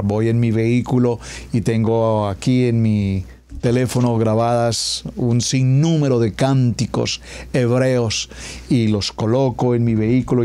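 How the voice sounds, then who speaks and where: Emphatic pastor, dark and dry. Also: male voice, mid-range voice, no room sound. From Colombia. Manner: emphatic preacher, stretches key words, drops to a hush at climaxes. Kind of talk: radio sermon.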